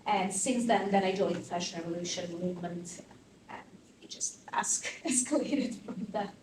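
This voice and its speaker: A woman's voice: medium pitch, moderate pace. Woman, 30s, from Croatia, activist interviewee, chatty and searching, off-mic with roomy echo and light hiss. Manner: animated, thinking aloud with many fillers. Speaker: interview guest, fashion activist. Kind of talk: conversational interview answers. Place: conference venue. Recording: distant mic in an echoey room with faint noise.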